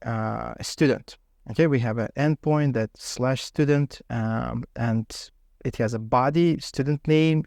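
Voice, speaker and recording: A man runs a mock technical interview, setting up scenarios and asking questions. His mid-pitched voice has noticeable creak. The recording is dry, with little room sound. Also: darkish tone, no room sound.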